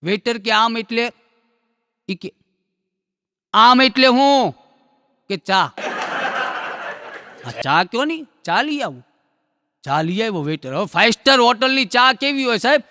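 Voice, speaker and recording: Male comedian, very high bright voice, folksy stage storyteller, hall reverb. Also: very animated. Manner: folksy storytelling, acting out characters in quick dialogue. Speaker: stand-up comedian. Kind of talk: Gujarati joke telling, stage storytelling.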